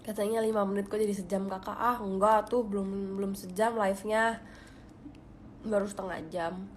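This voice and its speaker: A woman's voice: mid-range voice, little pitch movement, normal speed, a little hiss or hum. A young woman, chatting casually on a phone livestream in a confiding way that often drops to a whisper. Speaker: livestream host.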